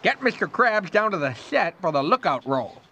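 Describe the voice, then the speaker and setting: A man's voice: high-pitched, sing-song, a little hiss or hum, exaggerated voice. A man voicing an upbeat, pushy male show director in a game. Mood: brisk. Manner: bright, brisk showbiz talk.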